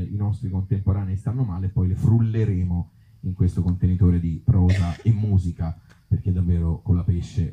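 In a muffled recording, a middle-aged man with a deep, warm voice and a Tuscan accent speaks off the cuff to a live audience. He is an actor and author being interviewed, and he comes across as colloquial and wry, with some mild swearing.

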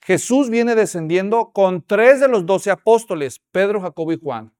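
A man preaching a sermon as a pastor, telling the story with animated, acted-out voices. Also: high voice, normal speed.

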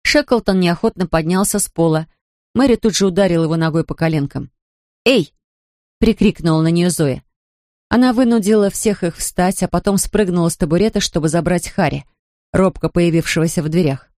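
A woman narrating an audiobook in a measured, expressive storytelling manner. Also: lowish voice, no echo, clean studio sound. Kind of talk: scripted narration.

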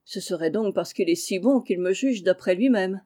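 Woman voicing a gentle, kind young girl; modest. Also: medium pitch, moderate pace, close to an everyday voice.

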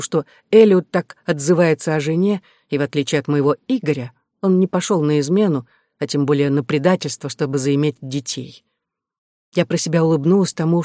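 A man's voice: fairly high pitch, a little mellow, no echo, clean studio sound. Man narrating an audiobook. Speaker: audiobook reader. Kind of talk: first-person audiobook narration.

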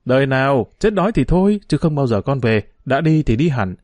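A man's voice: medium pitch, very animated, brisk, a little mellow, dry recording, natural voice. A man voicing a stubborn, tearful poor young boy who talks back defiantly in a raised voice.

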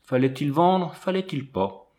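A man's voice: fairly high pitch, sing-song, a little slow, a little mellow. A man reading an audiobook and voicing a plain-spoken, drily skeptical young French soldier. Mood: storytelling. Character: earthy, wary young male French soldier.

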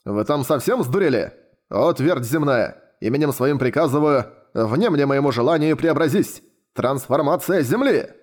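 A man's voice: mid-range voice, expressive, normal speed, lightly acted. Man doing a brash young adventurer. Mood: defiant. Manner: loud, exasperated.

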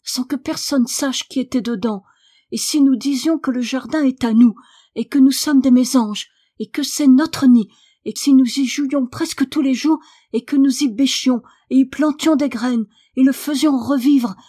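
A woman's voice: high-pitched, moderate pace, mellow, pitched above the performer's own voice. A woman reading an audiobook voices an anxious young girl who pleads breathlessly. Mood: pleading.

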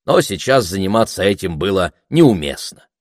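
A man's voice: sits low, moderate pace, no room sound, clean studio sound. A man narrating a novel as an audiobook, reading expressively. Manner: expressive reading, voices many characters. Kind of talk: scripted narration.

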